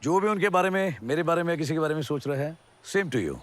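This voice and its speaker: An actor playing a strict army coaching colonel who barks orders in mixed Hindi and English. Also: male voice, a little high, animated, brisk, natural voice. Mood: stern. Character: stern older male army colonel instructor. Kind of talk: web series drama.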